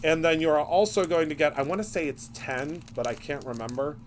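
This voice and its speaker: A man's voice: on the high side, fairly quick, slight background noise. Chatty man demoing craft kits. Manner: chatty, upbeat, greets viewers by name. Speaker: craft shop owner hosting a live stream. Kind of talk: casual live-stream product demo.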